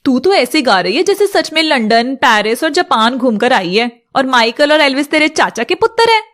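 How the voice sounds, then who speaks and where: A woman puts on a bossy, teasing teenage village girl. The voice sits high and bright, pushy and playful in a spoken storybook. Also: big pitch swings, moderate pace.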